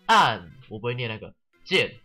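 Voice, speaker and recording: A man's voice: medium pitch, big pitch swings, moderate pace, bright, forceful tone, faint music behind. A man giving casual let's-play commentary, sarcastic and swearing often while mockingly reading the game's text aloud.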